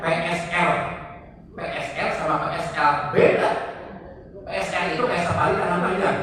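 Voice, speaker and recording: A man giving a workshop on event protocol to an audience, lively and acting out his examples. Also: fairly high pitch. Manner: animated, acts out examples in different voices. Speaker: protocol trainer. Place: large hall. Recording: echoey hall, distant mic.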